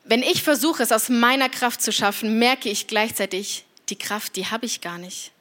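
Female, thirties, fairly high voice; confessional church talk addressed to the listener. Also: normal speed, a bit bright. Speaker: church speaker. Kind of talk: devotional talk.

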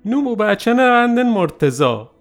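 A man narrating a first-person story in a lively, animated way. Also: extremely high pitch, soft background music.

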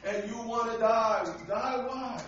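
A man's voice: very high-pitched, steady tone, slow pace, a bit bright. An American man preaching a sermon to a congregation in a streetwise, colloquial way, with rhetorical questions and calls for response. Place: large echoey indoor room, church service. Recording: echoey hall, distant dull mic, faint noise.

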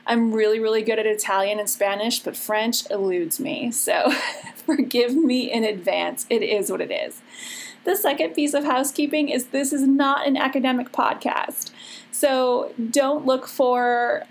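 A woman's voice: a little high, unhurried. A woman with a Chicago accent hosting a chatty, gossipy history podcast in a breezy, conversational way. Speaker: podcast host.

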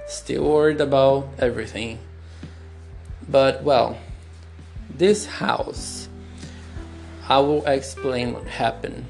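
A young Brazilian podcast host, a non-native English speaker whose first language is Portuguese and who has a Brazilian accent, tells a personal story on a phone recording. His mid-range voice is creaky with a darkish tone, and soft background music plays. He talks slowly and candidly, searching for words with pauses and restarts.

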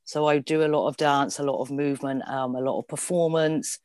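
A woman's voice: a bass voice, fairly even intonation, brisk, a little mellow, no room sound, studio quality. A middle-aged woman from Devon, talking conversationally as a podcast guest. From Devon, England. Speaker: podcast guest, theatre performer. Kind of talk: conversational interview.

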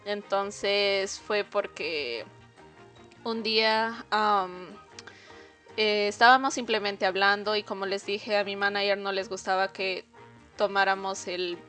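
A young woman, a podcast guest, telling a personal work story in an animated, casual way, full of fillers and asides to her listeners. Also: mid-range voice, slow, faint music behind.

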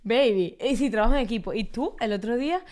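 Woman, Venezuelan accent, fairly high voice, quick pace, casual podcast chat. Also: lively intonation, a little mellow. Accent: Venezuelan Spanish. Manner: chatty, laughs often, storytelling. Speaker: podcast co-host.

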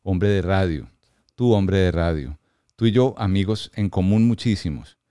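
Guy hosting a chill interview, lowish voice, dry close sound, rambles a bit and cuts himself off. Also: unhurried, clear, resonant tone, no room sound. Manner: warm, chatty, laughs easily, trails off mid-sentence. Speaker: podcast host. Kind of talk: casual conversational interview.

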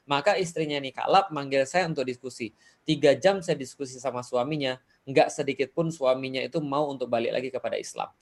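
A man's voice: mid-range voice, a little fast. A middle-aged man, an Islamic preacher, earnestly telling true stories in casual religious talk, with many fillers.

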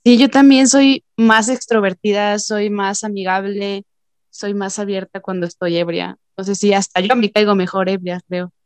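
A woman's voice: mid-range voice, little pitch movement, normal speed, clean tone, no echo. A woman with a Mexican accent chatting on a podcast in a wry, joking way. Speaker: podcast host. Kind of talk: casual chat.

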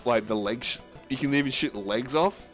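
A podcast co-host on a casual gaming show talks in a rambling, halting way, full of fillers and restarts, with a casual, profane manner. His voice is medium-pitched and a bit bright, with soft background music.

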